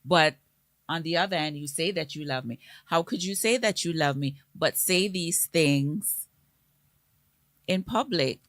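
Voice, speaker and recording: Low-voiced woman talking slowly and earnestly. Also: animated, a bit bright, no room sound. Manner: earnest, explains with repeated examples. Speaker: co-host. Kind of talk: casual live-stream chat.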